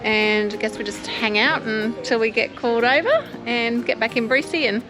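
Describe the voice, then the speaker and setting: A woman's voice: fairly high pitch, moderate pace, music in the background, rough recording. An Australian woman chatting informally as she narrates a travel vlog. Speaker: travel vlogger. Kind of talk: casual vlog chat.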